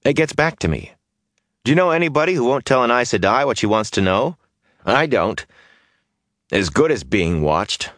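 A man's voice: mid-range voice, very animated, moderate pace, long pauses, fairly bright tone, dry recording, clean studio sound, pitched above the performer's own voice. A man voicing a restless, bitter young gambler who complains and grows agitated. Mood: frustrated.

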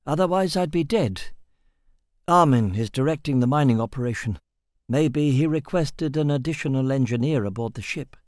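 A man's voice: mid-range voice, lively intonation, normal speed, darkish tone, no echo, studio quality, pitched above the performer's own voice, close to an everyday voice. A man voicing a sick, weary male engineer held captive, with a cough in his lungs. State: coughing, ill.

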